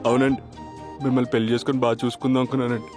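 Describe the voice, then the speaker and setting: A man's voice: medium pitch, level tone, very fast, darkish tone, faint music behind, lightly acted. An actor playing a lovesick young man who talks in a clingy, pleading, polite way. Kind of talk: comic film dialogue.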